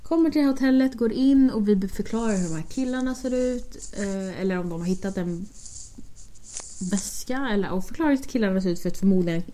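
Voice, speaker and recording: A young woman casually telling a story, acting out what she and her friends said. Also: medium pitch. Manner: animated, quotes herself and friends with "jag bara".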